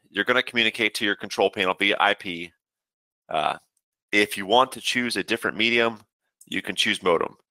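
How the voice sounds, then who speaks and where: A low-pitched man, working as a software trainer, gives a casual webinar walkthrough of a program. He talks steadily but uses "uh" fillers often, and the recording has no echo.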